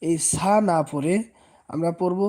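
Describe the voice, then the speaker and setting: A man's voice: fairly high pitch, fairly even intonation, unhurried, warm tone. A man with a Bangladeshi Bengali accent giving a patient Quran reading lesson, repeating each letter and drawing out its sounds. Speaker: Quran teacher. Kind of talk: slow step-by-step recitation lesson.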